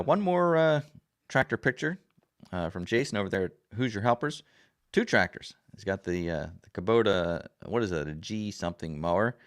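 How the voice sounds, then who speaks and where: Reading out viewer comments on his livestream, this man chats casually from his home desk in a rambling, folksy manner. His voice is very deep and raspy, roughened by a recent sore throat, and he leans on lots of "uh"s and "um"s. The desk camera captures him dry and up close, without any room echo.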